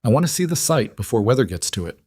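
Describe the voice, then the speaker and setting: A man voicing a methodical, honest sheriff in his fifties, unhurried and matter-of-fact. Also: medium pitch, big pitch swings, darkish tone, no echo, studio quality. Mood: businesslike.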